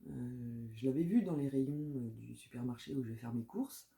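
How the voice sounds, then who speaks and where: A woman chatting casually about her new books as a book vlogger, often pausing with filler sounds and reading blurbs aloud. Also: extremely low pitch, gravelly, dark tone.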